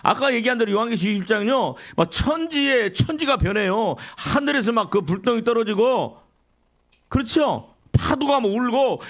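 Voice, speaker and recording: Male pastor, high voice, middle-aged, sermon, questions and answers with the congregation, church sanctuary. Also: a bit bright. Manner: quotes scripture and acts out complaining believers.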